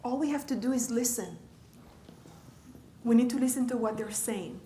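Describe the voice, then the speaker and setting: A woman's voice: a little high, moderate pace, warm tone. Woman, leadership coach, lecture room, echoey, faint background noise. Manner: engaging, checks in with the audience often. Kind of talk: conversational lecture.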